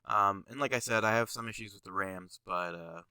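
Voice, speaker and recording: Here a young host's casual commentary over his jersey design images keeps meandering, packed with fillers and side topics. Congested, sniffling and worn out, he talks fairly quickly in a fairly low, bright, tense and smooth voice. The sound is dry and clean, like a studio.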